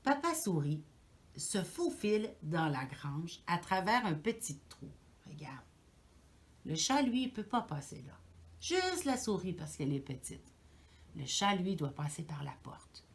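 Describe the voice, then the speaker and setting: A woman's voice: fairly low pitch, big pitch swings, a little slow. A woman with a Québécois accent, a daycare educator, reading a picture book aloud to young children with gasps and asides. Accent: Québécois French.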